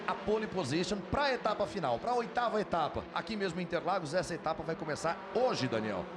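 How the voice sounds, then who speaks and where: A man's voice: high-pitched, sing-song, fast. A man with a Brazilian accent giving live motor race commentary, drawing out his calls of the action dramatically. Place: commentary booth at a racetrack. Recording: loud engine and trackside noise behind. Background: loud car and outdoor track noise.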